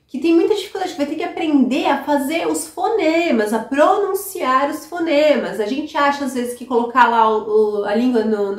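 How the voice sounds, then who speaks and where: High-voiced Brazilian woman, chatty advice. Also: reverberant. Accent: Brazilian Portuguese. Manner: chatty, frequent "né?" tag questions. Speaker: vlogger giving study-abroad advice. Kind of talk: casual advice talk to camera.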